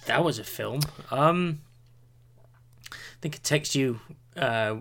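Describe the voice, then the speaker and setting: A man's voice: medium pitch, slow, a bit bright. A man co-hosting a podcast, talking in a wry, understated way in casual chat. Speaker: podcast co-host.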